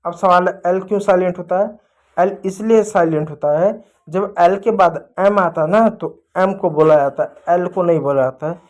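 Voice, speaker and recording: A man with a slightly higher voice leads a children's English lesson. He works in a question-and-answer rhythm, firing off a question and answering it himself. He calls out example words slowly, louder than his running talk, and keeps coming back to the children with fond words. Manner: addresses children affectionately. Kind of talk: classroom-style phonics lesson.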